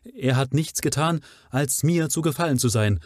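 A man's voice: medium pitch, normal speed, no echo, clean studio sound, pitched above the performer's own voice, natural voice. A man reading aloud, voicing a frightened woman, a servant's wife, who desperately confesses and takes the blame.

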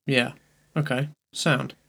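A man's voice: medium pitch, level tone, takes it slowly, gravelly, a bit bright. A man chatting casually as a player in a tabletop role-playing game. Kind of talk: casual chat.

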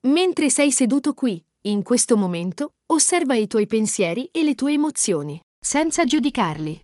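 A synthetic text-to-speech woman's voice reading a guided meditation slowly and calmly. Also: fairly high pitch, dry recording, studio quality. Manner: slow, calm, soothing.

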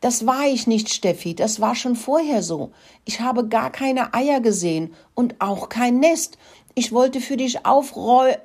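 A woman's voice: fairly high pitch, animated, measured pace, darkish tone, pitched above the performer's own voice. A woman voicing a greedy male pig who grunts and whines his excuses. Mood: whiny. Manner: whiny, grunting, defensive.

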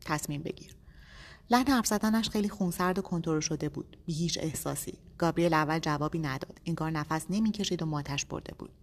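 A woman narrating an audiobook in a measured, steady reading voice. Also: sits low. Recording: long echoey reverb.

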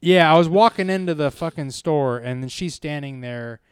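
A man telling a story in casual chat, swearing a lot and acting out quotes in put-on high voices. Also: moderate pace, clean tone, no echo.

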